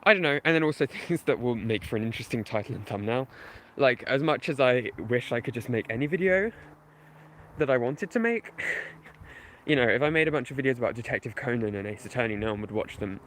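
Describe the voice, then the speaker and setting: A man's voice: mid-range voice, lively intonation, fairly quick, slight background noise. A man chatting casually with his stream viewers while walking outdoors at night, rambling and self-deprecating, with lots of fillers. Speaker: video game history YouTuber. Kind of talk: casual night-walk livestream chat.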